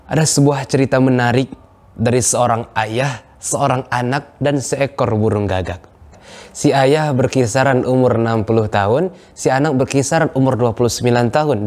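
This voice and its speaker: A young man from Riau, Indonesia, telling a religious moral story in an earnest, measured way. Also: mid-range voice, a little mellow. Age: young adult. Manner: earnest, measured, chants scripture verses. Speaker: student storyteller.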